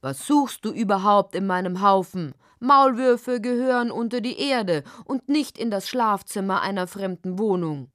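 Woman as smart-mouthed hedgehog, teasing, slow and dry. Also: a little high, expressive, no room sound. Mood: snippy. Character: cheeky snappish male hedgehog.

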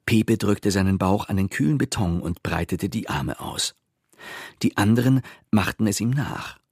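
Deep husky male storyteller. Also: no echo, clean studio sound. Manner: lively, expressive storytelling. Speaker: narrator. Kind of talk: audiobook narration for children.

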